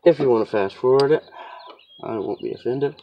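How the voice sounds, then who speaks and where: A man's voice: mid-range voice, a little fast, gravelly, dull audio, noisy background. A man with a stuffy, sniffly cold talks through a car repair in a chatty, rambling, self-deprecating way, working outside in a yard. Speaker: home mechanic demonstrating a repair. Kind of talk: casual how-to car repair walkthrough. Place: outdoors in a yard on a slope.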